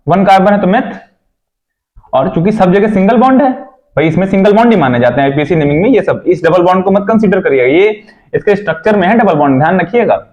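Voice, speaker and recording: A man's voice: sits high, darkish tone, dull audio. A young man teaching a chemistry lesson, checking in with his students often and repeating his own questions.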